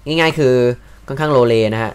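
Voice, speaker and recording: A young man casually commenting while he plays a block-building game, chatty and joking, with loud exclamations. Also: on the high side, fairly quick, slight background noise. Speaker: gaming video host.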